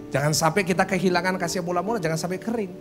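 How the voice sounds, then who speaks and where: A man's voice: high-pitched, rapid-fire. A male pastor preaching a humorous church sermon, telling jokey stories and acting out quotes. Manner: animated joking storytelling, acts out quotes. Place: church service. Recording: sermon with guitar music underneath. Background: guitar music.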